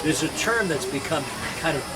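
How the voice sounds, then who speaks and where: A man's voice: on the high side, expressive, normal speed. A man hosting live with casual, chatty banter, often repeating short phrases. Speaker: host. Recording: very noisy outdoor setting with hiss.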